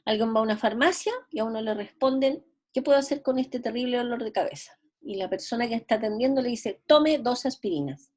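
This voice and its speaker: A woman teacher lectures on logic. Her voice sits a little high, and she explains step by step, rephrasing points and asking if the class understands. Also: expressive, fairly quick, hardly any pauses, darkish tone. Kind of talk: recorded lecture.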